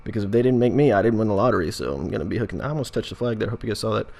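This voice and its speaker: A rapid-fire American video host with a fairly low, slightly mellow voice and vocal fry chats casually in his vlog. He rambles jokily, drifts between topics and keeps interrupting himself.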